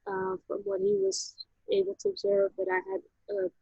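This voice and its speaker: Interview guest: woman, 30s, very high and heavily creaky, halting and reflective, dry lo-fi recording. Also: monotone, warm tone, no room sound. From Netherlands. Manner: halting and reflective, with frequent restarts. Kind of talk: personal story in a casual interview.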